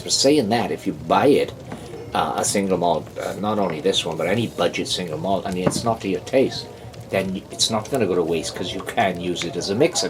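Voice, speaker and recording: A man with a very low voice talks through a whisky tasting in a loose, rambling way, stopping and restarting his sentences. A faint hiss sits under the recording. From United Kingdom. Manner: rambling, halting, with many ums and restarts. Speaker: whisky reviewer. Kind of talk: casual tasting review with a joke told aloud.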